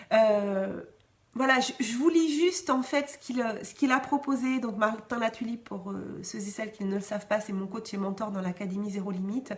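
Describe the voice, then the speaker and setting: A woman podcast host chatting casually and encouragingly, reading listener comments with frequent restarts and light laughter. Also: on the high side. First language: French. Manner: warm encouraging, often laughing; hesitant restarts, varied pace.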